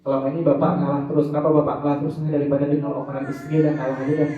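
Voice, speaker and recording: A male Islamic preacher giving a lively, joking religious study talk, calling out to his listeners as he speaks. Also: fairly high pitch, very fast. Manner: animated, joking, addresses audience as Pak and Bu. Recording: echoey hall, distant, dull sound.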